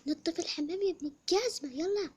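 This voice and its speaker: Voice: very high-pitched, fast, a little mellow, voice pushed up. A young performer voicing a harsh, bossy stepmother who barks orders, in a whispered role-play. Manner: scolding, barking commands.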